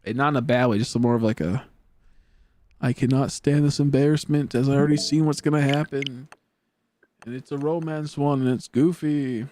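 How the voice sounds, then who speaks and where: A man's voice: mid-range voice, fairly even intonation, moderate pace, dark tone, a little hiss or hum. A teenage boy streaming a game, chatting casually and rambling, often trailing off into mumbles. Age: teens. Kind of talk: casual chat while gaming.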